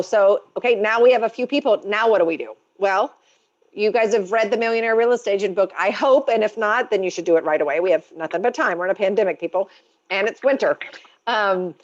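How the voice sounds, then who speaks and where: An upbeat woman coaches real estate agents in a webinar and keeps cheering her audience on. She speaks at an ordinary middle pitch. Her voice comes over a video call that sounds dull and lo-fi. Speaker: real estate team leader and co-host.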